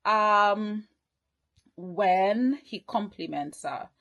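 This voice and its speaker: A woman's voice: mid-range voice, drawn-out words, fairly bright tone. Chatty woman reviewing a romance film. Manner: chatty, laughs often, many fillers. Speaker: movie reviewer. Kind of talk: casual video review chat.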